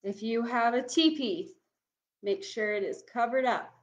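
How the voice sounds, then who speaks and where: A woman's voice: on the high side, unhurried, dull audio. Young woman calling bingo casually. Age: young adult. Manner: bingo caller announcing and repeating each item, instructional. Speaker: bingo caller, camp game host. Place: small room at home, indoors.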